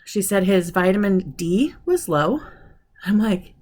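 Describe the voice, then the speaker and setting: A woman's voice: medium pitch, very animated, unhurried, darkish tone. A woman vlogger talking in a casual, rambling way, frank and chatty as she catches viewers up. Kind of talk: casual vlog chat.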